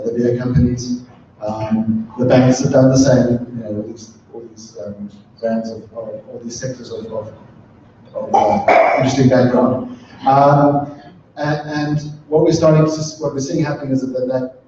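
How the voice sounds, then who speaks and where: Middle-aged man, panel guest, halting with ums; dull, echoey recording. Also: mid-range voice, level tone, mellow, a little hiss or hum. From southern Africa. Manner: thoughtful, many ums and restarts. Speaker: panel guest, sustainability consultant. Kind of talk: talk at a live event. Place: event room with an audience. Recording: echoey, distant, muffled room recording.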